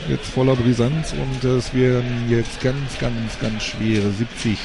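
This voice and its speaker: A man's voice: mid-range voice, flat delivery, slow pace, gravelly. A man giving live play-by-play football commentary from an outdoor ground, repeating words as he follows the action. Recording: noisy outdoor stadium recording.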